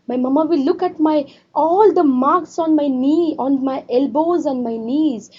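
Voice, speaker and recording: A woman's voice: sits high, measured pace, dull audio. A woman reading the lines of a hurt young girl who longs for comfort from her mother. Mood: plaintive.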